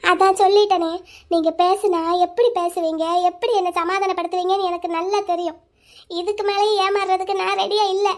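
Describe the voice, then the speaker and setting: A woman's voice: extremely high pitch, steady tone, a little fast. A woman voicing a tearful, bitter young wife. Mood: hurt, accusing. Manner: loud, accusing, bitter. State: crying. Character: hurt young wife, proud and firm. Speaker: voice actor. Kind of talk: cartoon drama voice acting.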